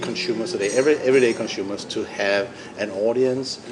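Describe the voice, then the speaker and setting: Amid crowd noise in a noisy room, a man from Denmark with a Danish accent, a company founder and CEO, is interviewed as a business podcast guest. His fairly low, steady voice runs a little fast as he explains points and often restarts phrases.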